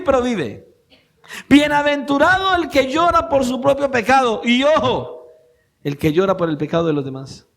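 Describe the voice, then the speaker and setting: A man, a pastor, preaching a sermon in church, swinging between raised emphatic passages and quiet intimate asides, with rhetorical questions put to the congregation. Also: very high-pitched.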